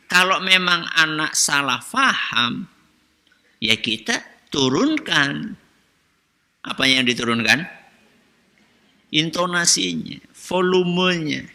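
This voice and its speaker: Bright-voiced male preacher, reverberant hall. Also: a little high. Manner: asks the audience questions, then answers them himself. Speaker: Islamic preacher. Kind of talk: religious study lecture.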